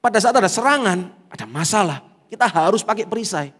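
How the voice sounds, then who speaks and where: A man's voice: high-pitched, expressive, brisk, a bit bright, husky. A man preaching a sermon with an Indonesian accent, acting out tearful prayers as he teaches. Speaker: pastor. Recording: reverberant hall with faint music.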